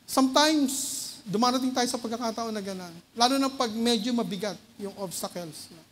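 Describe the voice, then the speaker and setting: A man with a Filipino accent preaching a sermon. He often asks the congregation "no?" and moves between loud urgent bursts and low quiet asides. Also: a little fast. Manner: keeps checking with the congregation by tagging "no?" onto phrases. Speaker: lay preacher. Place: church hall. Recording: long reverb of a church hall.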